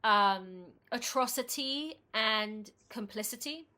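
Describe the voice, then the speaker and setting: A woman's voice: on the high side, slow pace, pushed and bright. A woman hosting a podcast in casual chat, speaking earnestly and often repeating words as she restarts her sentences. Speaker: podcast host.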